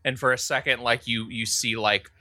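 A man's voice: medium pitch, fairly even intonation, moderate pace, sharp tone, no room sound. A man narrating a tabletop game as game master, describing scenes casually with many "like" fillers.

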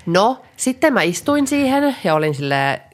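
Woman chatting on a podcast, very lively pitch, loud bursts then low mutters. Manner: animated storytelling, swings between loud bursts and low mutters. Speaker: podcast co-host. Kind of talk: casual chat.

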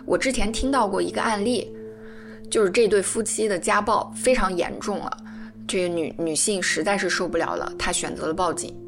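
A woman narrating a documentary podcast, telling a case calmly in a scripted way. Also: mid-range voice, a little fast, soft background music.

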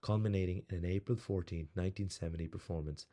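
A man hosting a podcast, telling a rambling, animated story with plenty of fillers before reading out some background. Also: sits low, fast. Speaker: podcast host. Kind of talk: casual storytelling monologue.

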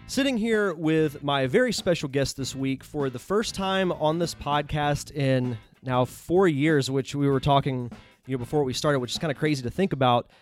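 A man's voice: on the high side, normal speed, soft background music. A man with a stuffy head cold hosting. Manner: upbeat, chatty with fillers. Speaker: podcast host. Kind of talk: casual podcast interview.

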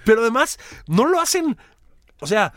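A man's voice: very high-pitched, sing-song, normal speed, a bit bright. A man with a Mexican accent in casual political chat, sarcastic and joking, laughing often. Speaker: political commentator.

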